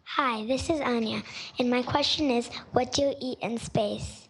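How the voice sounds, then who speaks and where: A woman's voice: on the high side, steady tone, normal speed, slight background noise, low-quality recording. A female student carefully putting a prepared question to a guest.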